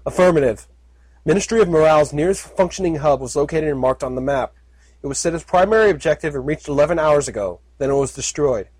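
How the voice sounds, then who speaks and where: Monotone suit computer voiced by a man, clipped, dry. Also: a little high, quick pace, slightly rough, no echo, poor audio. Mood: flat. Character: flat obedient suit computer voice.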